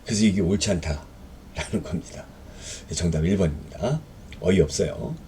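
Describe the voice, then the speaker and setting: A man with a low, warm voice leads a history exam-prep lecture at a moderate pace, reading questions aloud and explaining them conversationally with fillers and rhetorical questions. Slight background noise is present.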